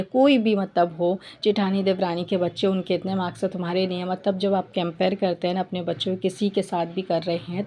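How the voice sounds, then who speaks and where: A woman vlogger giving earnest parenting advice, talking in a steady instructive way and repeating her points for emphasis. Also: mid-range voice. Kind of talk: earnest advice talk to camera.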